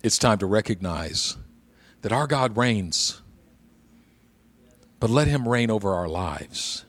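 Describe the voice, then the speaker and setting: A man's voice: on the low side, lively intonation, slow. A male pastor preaching a sermon, telling a humorous personal story in a conversational way and then building to urgent exhortation.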